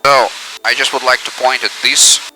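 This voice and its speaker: Male pilot-reviewer, forceful bright tone, explanatory checklist narration from a cockpit headset. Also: mid-range voice, level tone, moderate pace, soft background music, rough recording. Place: cockpit of a small airplane. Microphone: aviation headset in cockpit.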